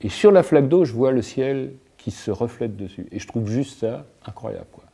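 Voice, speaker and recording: A man's voice: mid-range voice, lively intonation, moderate pace, gravelly, mellow, breathy edge. A man speaking as an interview guest, an alchemist and author, musing reflectively and using everyday anecdotes to make his points. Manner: reflective, illustrates points with everyday anecdotes, tags phrases with "hein". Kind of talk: reflective philosophical talk.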